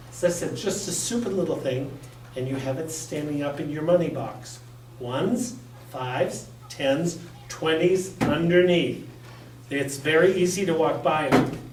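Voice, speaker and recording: A man's voice: fairly high pitch, a little mellow, distant mic, a little hiss or hum. A man giving an informal training talk to a room of volunteers, blunt and joking, with emphatic asides. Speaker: workshop presenter. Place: community center meeting room. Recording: echoey room, picked up from afar.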